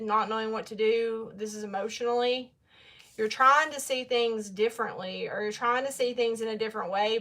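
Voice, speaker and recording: A young woman giving a casual tarot reading, chatty and blunt, talking straight to her viewers. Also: on the high side. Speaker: tarot reader.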